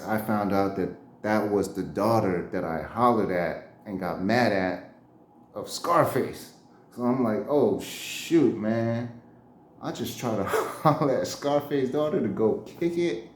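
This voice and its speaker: A man's voice: lowish voice, a little mellow, slight background noise. Slangy man telling a story, roomy. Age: around 40. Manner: slangy, laughs often, acts out quotes. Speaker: storyteller, channel host. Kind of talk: casual storytelling. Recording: roomy echo.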